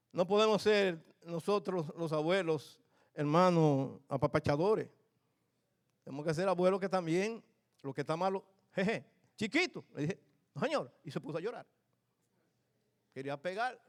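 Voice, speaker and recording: An older man, a pastor, preaching a sermon in church, telling family stories with humor and asking the congregation questions. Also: high-pitched. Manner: storytelling, lively and humorous, addresses congregation.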